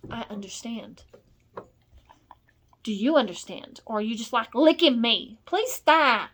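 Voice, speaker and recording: A woman with a fairly high voice talks in a loose, rambling monologue. She is blunt and swears freely. She drops to low murmurs, then rises into loud scolding. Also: expressive, a little slow, a little hiss or hum. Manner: blunt and profane. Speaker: vlogger.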